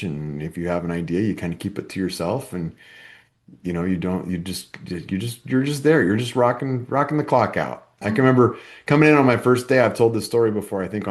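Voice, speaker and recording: Male podcast co-host, low voice, casual explainer who acts out anecdotes. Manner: storytelling, lots of "right?" and "kinda", acts out coworkers.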